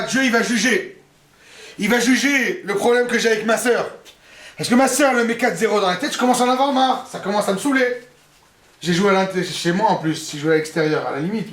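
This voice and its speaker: A man's voice: high-pitched, expressive, brisk, a bit bright, voice pushed up. A man voicing a weary, complaining wife in a humorous lesson, recorded in a roomy space from a distance. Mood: fed up. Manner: complaining, fed up. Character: weary childless woman, pleading wife.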